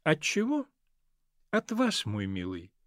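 A man's voice: fairly high pitch, huge pitch swings, slow pace, a bit bright, dry recording, clean studio sound, full character voice. A man voicing an imperious old grandmother, a countess, who drawls each word. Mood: cold, reproachful.

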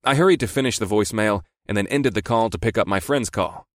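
A man's voice: lowish voice, quick pace, dry recording, clean studio sound. A man narrating a first-person story in a wry, sardonic manner. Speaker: audiobook narrator.

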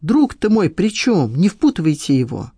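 Reader doing a whiny, defensive man in an audiobook, pitched up, lively swings. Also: moderate pace, no room sound, clean studio sound. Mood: evasive. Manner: aggrieved, defensive, whining. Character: whiny petty middle-aged man, self-pitying. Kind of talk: audiobook dialogue.

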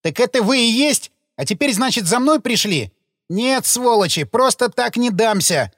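A man's voice: sits high, expressive, fairly quick, no room sound, clean studio sound, pitched above the performer's own voice. A man reading an audiobook, voicing a sullen, frightened male cemetery laborer who talks in agitated, defensive, slangy bursts.

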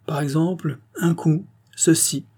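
Male narrator as shrewd young sleuth, insistent, husky low timbre. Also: fairly even intonation, a little slow, a little mellow. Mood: probing. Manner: insistent, probing, confident. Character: sharp, cunning young male detective.

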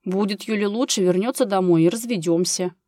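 A woman reading the part of a gruff, blunt grown man, a practical neighbor who talks in a curt, businesslike way, in a dry recording of an audiobook. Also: medium pitch, brisk, mellow, no echo, natural voice.

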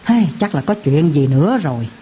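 A woman's voice: sits low, very animated, fairly quick, background noise. An actress playing a worried, ailing middle-aged mother in a radio drama, full of anxious exclamations. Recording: dull lo-fi radio drama recording.

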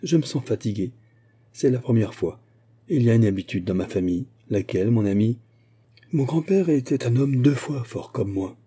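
A man reading a powerful old musketeer in an audiobook who has turned gloomy and superstitious. He speaks earnestly and heavily, a little above a dark, husky narrating voice. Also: medium pitch, animated, moderate pace. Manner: brooding, earnest telling of family omens. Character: Porthos, strong aging musketeer, gloomy and superstitious.

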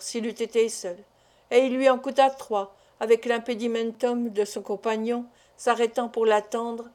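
A woman's voice: on the high side, warm tone. Woman narrating a classic novel. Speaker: audiobook reader. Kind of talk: scripted narration.

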